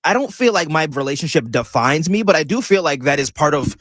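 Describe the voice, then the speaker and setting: A man's voice: on the high side, expressive, a little fast, a bit bright, no room sound, clean studio sound. A man co-hosting a radio show, talking in a casual, conversational way. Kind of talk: casual chat.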